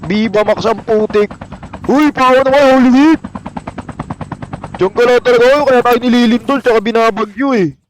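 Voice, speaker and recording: A young Filipino man with a light, high voice, chatting and joking with his viewers while he plays a game. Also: normal speed, pauses often, slight background noise. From Philippines. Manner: joking, self-mocking banter with chat. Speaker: game streamer. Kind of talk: casual live-stream chat while playing.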